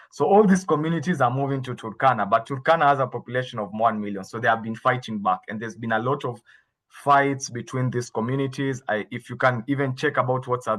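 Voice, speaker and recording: A man from Kenya gives a patient expert talk over a video call. His voice sits in a middle pitch and he explains step by step, now and then restarting a phrase. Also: a bit bright. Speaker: guest expert. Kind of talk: explaining to a workshop audience.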